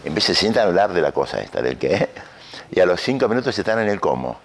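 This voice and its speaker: A man giving a lecture on communication, animated and acting out quarrels in his examples. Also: low-pitched, quick pace, a little hiss or hum.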